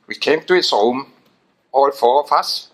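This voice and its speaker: A man from Switzerland, telling an animated anecdote at a memorial. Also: mid-range voice, a little slow. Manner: animated anecdote with voiced quotes. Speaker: memorial speaker. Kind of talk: storytelling at a memorial.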